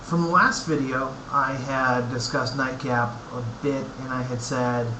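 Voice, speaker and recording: A man's voice: medium pitch, steady tone, bright, forceful tone. Hesitant man reviewing in an echoey, noisy room. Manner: halting, thoughtful, pausing between short phrases. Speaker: pipe tobacco reviewer. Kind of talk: casual, unscripted product review to camera. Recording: echoey room, clear background noise.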